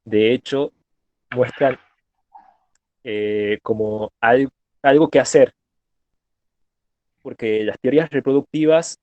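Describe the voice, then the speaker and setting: A male student speaking up in an online class over a choppy connection that cuts out, hesitant and halting with many fillers and restarts. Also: medium pitch, a little mellow, dry recording. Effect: choppy online call connection, cutting out. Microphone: video call. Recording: tinny, dry call audio.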